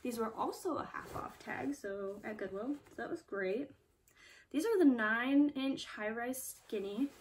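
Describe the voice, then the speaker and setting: A woman's voice: high voice, darkish tone, far from the mic, a little hiss or hum. Chatty young woman showing thrift finds. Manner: chatty, filler-heavy, enthusiastic about finds. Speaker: thrift reseller vlogger. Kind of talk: casual haul video.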